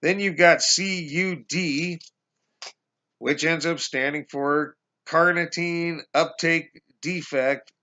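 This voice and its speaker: This conspiracy vlogger, a man in his forties, sits in a small room at home and casually explains his ideas to viewers through a webcam, calling them "guys." His voice is a little high with a steady, sharp tone, but it's turning hoarse, and he coughs, halts and restarts amid many fillers. The webcam audio sounds dull and lo-fi.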